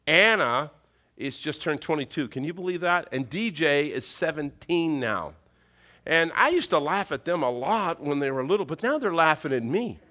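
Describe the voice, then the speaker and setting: A man's voice: fairly high pitch, lively intonation, moderate pace, sharp tone. A middle-aged man preaching a sermon, telling folksy, humorous family stories and repeating key phrases for emphasis. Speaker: pastor.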